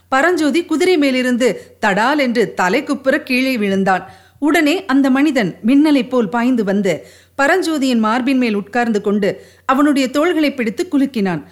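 Female audiobook narrator, expressive storyteller, higher voice. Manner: steady, expressive reading. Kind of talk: storybook narration of a historical novel.

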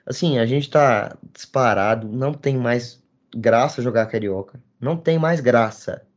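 A man's voice: mid-range voice, a little slow. A Brazilian man in casual football banter as a podcast co-host, speaking in slangy street talk, repetitive and insistent. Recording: dull lo-fi podcast audio.

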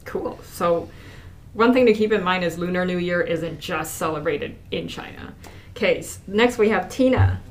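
A woman's voice: lowish voice, moderate pace, a little hiss or hum. A young adult woman hosting a podcast, leading a casual chat with upbeat questions. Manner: upbeat, leads the talk with questions. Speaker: podcast host.

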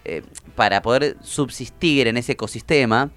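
Argentine actor chatting playfully in a smooth voice. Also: male voice, medium pitch, normal speed, faint music behind. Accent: Argentine Rioplatense. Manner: playful, animated, laughs often. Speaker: actor guest. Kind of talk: casual interview chat.

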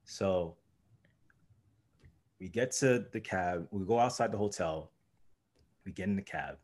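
A man's voice: low-pitched, unhurried, darkish tone. Young man rambling through a story. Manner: rambling, heavy use of "like" and "you know". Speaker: guest. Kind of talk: casual storytelling.

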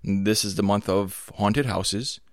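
A middle-aged man with a gravelly voice, a little hoarse from a cold, hosting a casual podcast as an enthusiastic, rambling storyteller. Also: lowish voice, slow, no room sound, studio quality. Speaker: podcast host.

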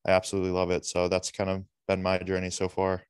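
Young male podcast guest, clear and smooth, dry close sound, measured and earnest. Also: sits low, completely flat delivery, no room sound. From Massachusetts. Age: young adult. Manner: earnest, measured, frequent fillers. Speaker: podcast guest, college hockey player. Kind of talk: casual interview answers.

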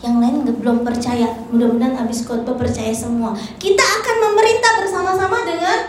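A woman in her forties delivers a church sermon with a very high voice. She preaches in a lively, humorous storytelling way. The sound is very echoey, as if recorded in a large church hall. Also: a little fast, a little hiss or hum. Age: 40s.

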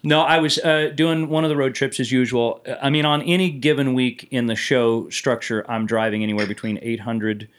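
A man's voice: mid-range voice, fairly even intonation, moderate pace, hardly any pauses. A swearing, storytelling middle-aged man. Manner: loose storytelling with casual swearing. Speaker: musician guest. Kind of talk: casual podcast chat. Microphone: handheld mic.

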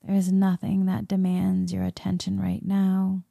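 Female meditation leader; soothing half-whispered murmur, very dark mellow tone, dry close sound. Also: medium pitch, monotone, measured pace, no room sound. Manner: soft, breathy, soothing spa-like murmur, often slipping into whisper. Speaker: guided meditation leader, Reiki healer. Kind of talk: soft guided meditation.

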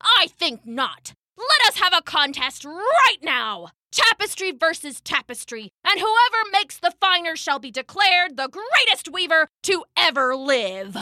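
A woman's voice: very high-pitched, big pitch swings, a little slow, hardly any pauses, sharp tone, no room sound, studio quality, voice pushed up, full character voice. A woman voicing a jealous goddess who poses as an old woman, haughty and indignant.

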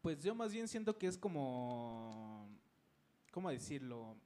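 A man's voice: medium pitch, takes it slowly, mellow. A man with a Mexican accent, a podcast co-host, thinking aloud hesitantly with many fillers. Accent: Mexican Spanish. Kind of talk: casual group chat.

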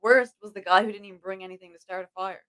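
A woman's voice: mid-range voice, fairly even intonation, racing, pushed and bright. A woman co-hosting a casual chat show, giggly and swearing casually. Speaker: podcast co-host.

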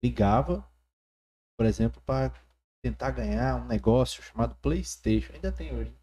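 A woman's voice: extremely low pitch, animated, normal speed, dark tone, breathy edge. A woman co-hosting a podcast, bantering and teasing in casual chat.

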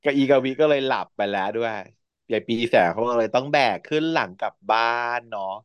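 A man's voice: mid-range voice, a little fast, clean tone, dry recording, dull audio. A man hosting a podcast, retelling a series in a chatty, playful way and laughing often. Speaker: podcast host. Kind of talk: casual chat recapping a TV series.

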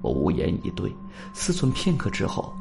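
A man narrating a suspense audiobook in the first person, calm, measured and earnest. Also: low-pitched, creaky. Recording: faint background music.

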